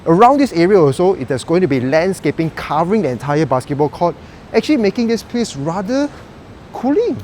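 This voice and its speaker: High-pitched with big swings in pitch, this young man speaks briskly in a darkish tone and a Malaysian English accent while walking viewers around a residential complex and its grounds. His property vlog chatter is upbeat and colloquial with "lah" tags, over slight background noise.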